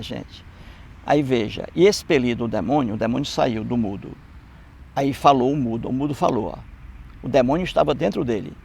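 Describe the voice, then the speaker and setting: A Brazilian man talks through scripture with open scorn, circling back to repeat his points. His mid-range voice is rough and gravelly. Faint background noise sits under the speech. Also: medium pitch, a little mellow. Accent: Brazilian Portuguese. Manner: scornful, repeats phrases for emphasis. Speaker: atheist commentator. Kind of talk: mocking Bible commentary.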